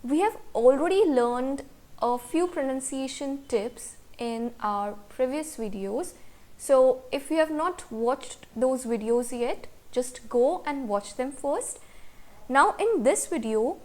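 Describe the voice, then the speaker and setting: Woman, language teacher, high voice, patient, asks and answers her own questions. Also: a little mellow. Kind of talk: slow explanatory lesson narration.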